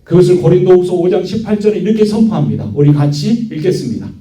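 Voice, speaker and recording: A man's voice: high voice, lively intonation, quick pace, warm tone. A male pastor preaching a sermon, often lifting into a raised, emphatic delivery. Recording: echoey church hall, from a distance.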